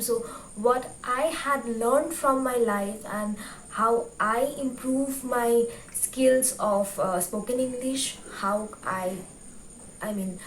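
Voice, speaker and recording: A young woman from West Bengal, a native Bengali speaker with a Bengali Indian accent, hosts a YouTube vlog giving viewers informal advice, often repeating and rephrasing herself. Her voice is a little high, recorded on a roomy, distant mic with faint noise.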